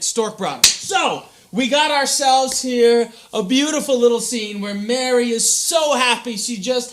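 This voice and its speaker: Playful, bright-voiced children's preacher. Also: male voice, high voice. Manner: playful, animated, uses props, addresses children. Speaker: children's pastor. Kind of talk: children's sermon storytelling.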